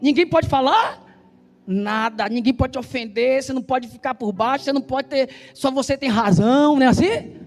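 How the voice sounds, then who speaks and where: A man with a Brazilian Portuguese accent preaching a sermon in a church, talking fast and loud and firing call-and-response questions at the congregation. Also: very high voice. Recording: reverberant church hall with soft instrumental music.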